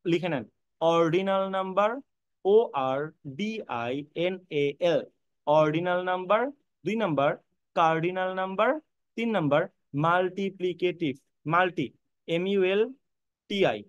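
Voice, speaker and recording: Speaking directly to his students in a reassuring way, a man runs an online admission-prep English grammar lecture, going back over points and spelling words letter by letter. His voice is a little high, and the recording is dry.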